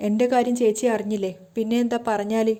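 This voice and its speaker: A woman's voice: a little high, level tone, quick pace, warm tone, natural voice. A woman voicing a shocked, upset younger sister asking hesitant questions.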